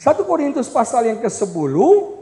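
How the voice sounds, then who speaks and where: A man preaching a lively sermon at a church retreat, animated and joking with the congregation as he acts out quotes. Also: very high voice, moderate pace, gravelly. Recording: echoey hall reverb.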